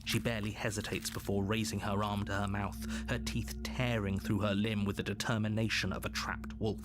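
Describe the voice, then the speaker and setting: A man playing a stern, disapproving narrator in a video game, measured and theatrical. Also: on the low side, flat delivery, natural voice. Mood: grave. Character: stern male narrator, disapproving and insistent guide. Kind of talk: scripted second-person game narration.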